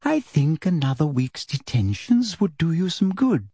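A man voicing a prim, cold, middle-aged female teacher in a storybook reading, speaking slowly and softly with deliberate sweetness. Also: fairly high pitch, sing-song, breathy edge, no echo, voice pushed up, full character voice. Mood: smug. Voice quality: soft, deliberate, half-whispered.

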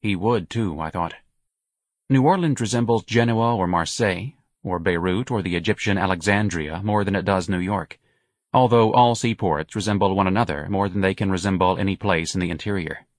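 A fairly low-voiced male audiobook narrator reads literary prose aloud with measured, expressive delivery and articulate phrasing. The recording is close and dry, with no room sound.

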